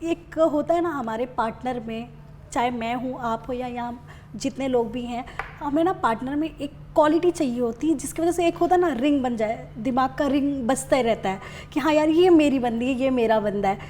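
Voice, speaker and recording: A woman's voice: high voice, normal speed, a little mellow, a little hiss or hum. A woman interviewing a guest for an entertainment channel, dropping in short agreeing replies and mixing English words into her questions. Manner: frequent short backchannels, mixes in English words.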